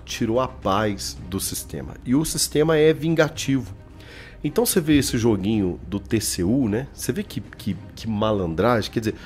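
A man in his thirties with a Brazilian Portuguese accent and a medium-pitched, darkish voice gives informal political commentary from a small home studio. Speaking into a desk microphone, he's colloquial and emphatic, addressing his viewers directly.

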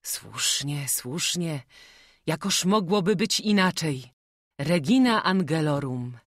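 A woman voicing a frail, kindly young prince who speaks softly in old courtly phrases, in an audiobook. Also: low-pitched, expressive, slow, dry recording, studio quality, exaggerated voice. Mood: gentle. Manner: soft, kindly, old-fashioned courtly speech.

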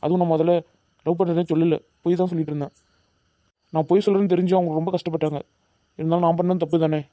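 An earnest young college student in a cartoon, voiced by a man, reassuring his friends in fast, quick talk. His voice is very dark and mellow, in a dry recording. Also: fairly high pitch, level tone, dry recording, lightly acted. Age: young adult. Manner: reassuring, pleading. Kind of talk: animated cartoon dubbing.

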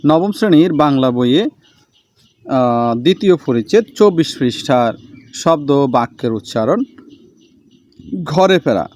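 A man teaching a school language lesson, reading aloud slowly and repeating each word for his students. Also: mid-range voice, expressive, darkish tone. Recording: dull lo-fi sound.

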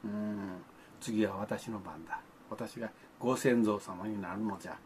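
A man's voice: fairly low pitch, unhurried, a little mellow, slight background noise. An older man, talking to children in a folksy, grandfatherly way, with old-fashioned speech and playful sound effects. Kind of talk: folksy monologue to the camera.

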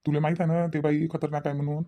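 A stern cartoon father-in-law rattles off his scolding at great speed, played by a man. His voice is dark and mellow, and he lectures and reproaches the others. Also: on the high side, flat delivery, racing, lo-fi sound, lightly acted. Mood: lecturing. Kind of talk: cartoon voice acting.

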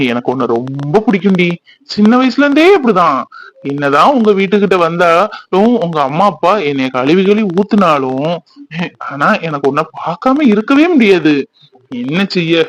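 A man's voice: high voice, fairly bright tone, low-quality recording. A young man, playing a teasing, boastful village youth who dotes on his sweetheart. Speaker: actor in a family fan drama. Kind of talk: village romance drama acting.

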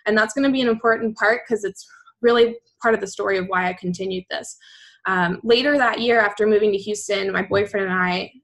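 A woman's voice: mid-range voice, steady tone, fairly quick, creaky, fairly bright tone, rough recording. A young woman from Virginia, upbeat and chatty, giving a coaching presentation on a team video call. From Virginia, USA. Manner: upbeat, chatty, laughs easily. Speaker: guest presenter, part-time fitness coach.

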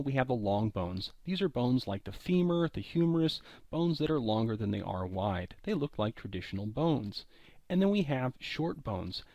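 A man giving a recorded college lecture, explaining terms clearly and often recapping earlier points. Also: mid-range voice, a little mellow, dry recording.

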